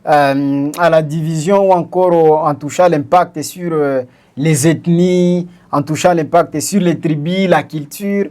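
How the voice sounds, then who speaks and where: Man from Congo, co-host, halting and explanatory, plenty of fillers. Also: a little high, fairly even intonation, a little mellow. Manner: hesitant, many fillers and restarts; explains with examples, asks questions. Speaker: podcast co-host. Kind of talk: casual discussion.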